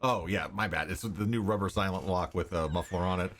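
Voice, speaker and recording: A man's voice: deep voice, a little fast, fairly bright tone. A man narrating a tabletop game casually as game master.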